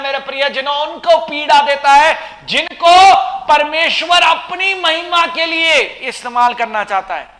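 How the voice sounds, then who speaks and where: A man preaching a sermon as pastor, with dramatic pauses and swelling emphasis. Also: very high voice, pushed and bright.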